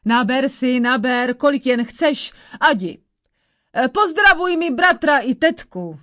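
A big, gruff storybook giant booms out blunt hospitality in a dry, close voice, as a woman reading the tale puts him on. The tone swings low and heavy, then up to a hearty call. Plain and direct. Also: expressive, pushed and bright, no echo. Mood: gruff hospitable. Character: gruff giant lord of a silver castle, male, hospitable.

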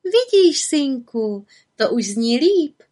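A cheeky, sweet little witch who coaxes and teases in a high, lilting voice, as a woman reading a storybook puts her on. She sounds bright and playful, pitched well above an ordinary speaking voice. Her delivery is lively and bold. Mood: teasing.

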